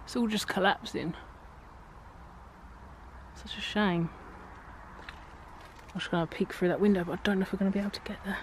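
A woman's voice: medium pitch, steady tone, fairly quick, long pauses. A young woman vlogging outdoors as she explores a ruined gatehouse, talking chattily to her viewers and calling out for spirits, recorded on a phone held at arm's length. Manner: chatty, addresses viewers as guys, hushed spirit calls. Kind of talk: casual vlog narration to camera. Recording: outdoor phone audio, noticeable background noise.

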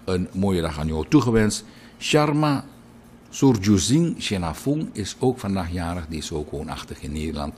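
A middle-aged man with a very low voice reads out birthday wishes like a broadcast host. He talks in a chatty, lively way and drifts into anecdotes between names. A faint ambient hiss sits under his voice. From Suriname. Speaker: radio and TV presenter.

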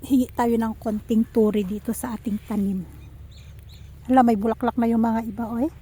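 A woman's voice: a little high, steady tone, moderate pace, warm tone, breathy edge. A woman chatting to her viewers in a casual vlog while walking outdoors and gathering vegetables. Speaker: vlogger. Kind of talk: casual cooking and garden vlog.

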